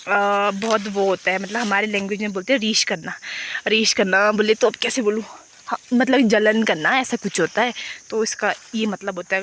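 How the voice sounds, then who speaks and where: A young woman talks through her day in a loose, rambling vlog, her voice bright and clear. She is outdoors around a rural home and fields, holding a phone close. Faint crickets chirp behind her. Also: mid-range voice, slight background noise. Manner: rambling, chatty, with restarts. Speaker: vlogger. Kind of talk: casual vlog chat.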